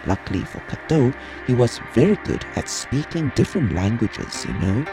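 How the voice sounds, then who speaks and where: Female storyteller, very low pitch, expressive storybook read with music under it. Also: normal speed. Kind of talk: storybook reading.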